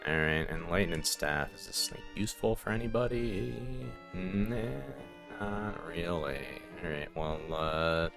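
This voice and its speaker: A man's voice: low-pitched, unhurried, fairly bright tone, soft background music. A man hosting a casual let's play, rambling with lots of fillers and chuckles as he plays. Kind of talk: casual gameplay commentary.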